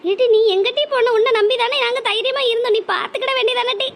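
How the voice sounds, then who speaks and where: A woman's voice: very high voice, fairly quick. A woman voicing a wailing village mother. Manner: wailing, lamenting in repeated cries. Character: grief-stricken village mother, middle-aged woman. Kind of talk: cartoon drama voice acting.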